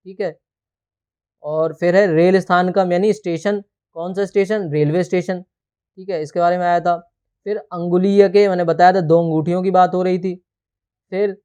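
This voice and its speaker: A man's voice: high voice, a little mellow, smooth. A man teaching a textbook lesson, explaining words one by one and checking in often with "theek hai". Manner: explains terms slowly word by word.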